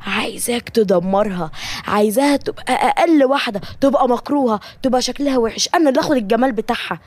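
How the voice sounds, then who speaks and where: A woman's voice: fairly high pitch, quick pace, no room sound, lightly acted. A woman voicing a bitter, envious young woman with an Egyptian accent and a spiteful, resentful tone. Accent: Egyptian Arabic.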